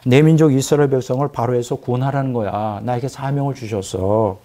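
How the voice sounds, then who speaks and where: A male preacher voicing an earnest husband who explains his mission in a low, matter-of-fact way. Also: fairly even intonation, brisk, warm tone, close to an everyday voice.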